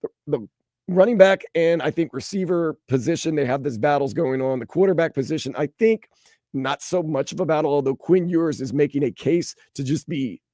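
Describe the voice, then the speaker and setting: A man's voice: a little fast, no echo. Radio sports host guy, upbeat, reads out the call-in number, dry booth sound. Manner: animated, pitches the phone number. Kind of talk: postgame call-in radio talk.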